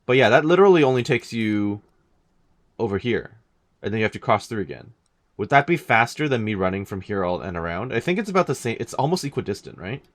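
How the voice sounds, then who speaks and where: A man's voice: lowish voice, big pitch swings, fast talker. A man commentating casually as he plays a game, thinking aloud in a dry way. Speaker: gaming let's-player.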